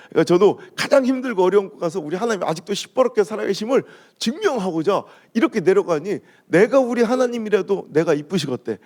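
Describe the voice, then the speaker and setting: A man from Chungcheong preaching at a dawn revival service, telling humorous stories and mimicking the way people talk. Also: high voice. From Chungcheong, Korea. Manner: storytelling, mimics regional dialogue, lively jokes. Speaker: pastor. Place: church sanctuary.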